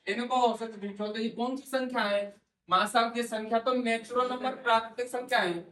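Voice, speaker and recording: A man with a teaches maths in a classroom. He coaxes the students and quizzes them, then repeats their answers back. His high voice comes from a mic set well away from him, with a roomy echo. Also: fairly even intonation, normal speed, fairly bright tone. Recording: echoey room, voice from far off mic.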